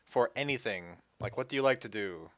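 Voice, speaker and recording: A man's voice: lowish voice, animated, a little fast, fairly bright tone, no echo, studio quality. A man hosting a casual podcast chat, laughing often and swearing casually. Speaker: podcast host.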